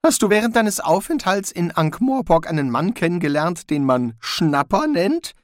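A man voicing a cowardly, panicky middle-aged wizard, shrill, frantic and sarcastic. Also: big pitch swings, moderate pace, dry recording, clean studio sound. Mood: wary.

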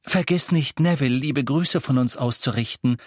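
A man voicing a mother gently chiding her son. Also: mid-range voice, moderate pace, no echo, clean studio sound, voice pushed up, natural voice. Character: grown mother Ginny, warm, gently chiding.

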